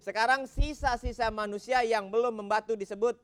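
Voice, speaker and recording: A man runs a comedy quiz in a studio, reading questions and trading jokes with the players. His voice sits high, and he laughs easily between lines. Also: fairly even intonation, moderate pace, a bit bright, some chatter behind. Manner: bantering, laughs often. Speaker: quiz host. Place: TV studio with audience.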